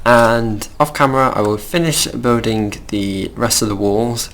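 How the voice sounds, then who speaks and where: Gravelly young Midlands man chatting. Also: medium pitch, steady tone, unhurried, fairly bright tone, a little hiss or hum. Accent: Midlands English. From England. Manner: chatty, rambling, easily distracted. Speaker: gaming channel host. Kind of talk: casual game commentary.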